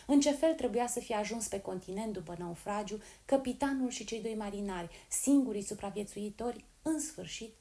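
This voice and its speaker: A woman reading a classic adventure novel aloud in a clear, steady storytelling narration. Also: medium pitch. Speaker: audiobook reader.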